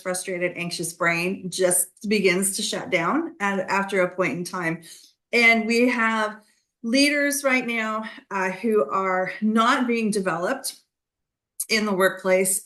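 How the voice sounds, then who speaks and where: A woman's voice: mid-range voice, fairly bright tone. Woman giving a conversational business talk. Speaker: guest speaker. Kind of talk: business talk on a video call.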